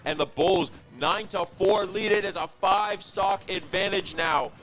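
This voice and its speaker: A young man delivers fast, analytical play-by-play commentary on an esports match in a voice that sits high. He shouts on the big plays.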